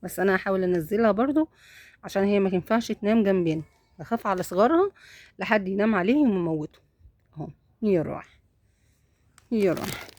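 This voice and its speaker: Egyptian woman, casual phone vlog in the bedroom, soft and fond, dry sound. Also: medium pitch, animated, quick pace, no room sound. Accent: Egyptian Arabic. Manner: talks softly and fondly to the cat and kittens. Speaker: vlogger filming her cat. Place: home bedroom.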